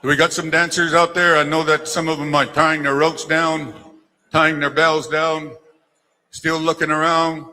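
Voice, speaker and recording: A man's voice: fairly high pitch, little pitch movement, normal speed, pushed and bright. A man working as a powwow emcee, announcing to and rallying dancers in an encouraging, folksy, joking way over a gymnasium PA. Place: large indoor gymnasium. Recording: PA in echoey gymnasium, long reverb.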